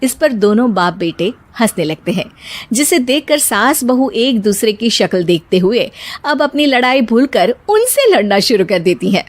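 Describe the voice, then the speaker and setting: Lively female cartoon story narrator. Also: fairly high pitch, normal speed.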